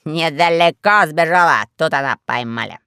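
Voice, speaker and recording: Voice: mid-range voice, expressive, moderate pace, gravelly, clear, resonant tone, no echo, studio quality. A performer playing a boastful, bullying space admiral who blusters and threatens, in an audiobook. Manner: blustering, shouting.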